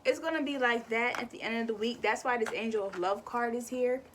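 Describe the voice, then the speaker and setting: A woman's voice: fairly high pitch, brisk, a bit bright, slight background noise. A young woman giving a casual spiritual card reading, chatty, repeating words and swearing offhandedly. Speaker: tarot and oracle card reader.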